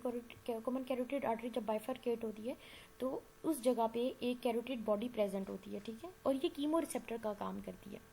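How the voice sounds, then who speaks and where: A woman with a sore throat, her voice on the high side and darkish in tone, patiently explains anatomy in a recorded classroom lecture. She mixes in English medical terms and keeps checking in with "theek hai." The recording is low quality, with faint background noise.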